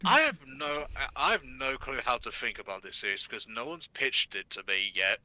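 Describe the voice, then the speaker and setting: A man's voice: mid-range voice, animated, moderate pace, bright, forceful tone, no echo, rough recording. A young man streaming a game, chatting casually and rambling with many restarts and casual swearing. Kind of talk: casual chat while gaming.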